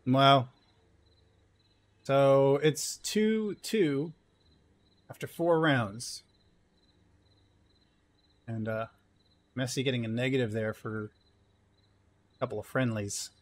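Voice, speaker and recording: A man casting a tactical shooter tournament as play-by-play commentator, excitable and quick to burst into loud exclamations. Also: medium pitch. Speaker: esports caster.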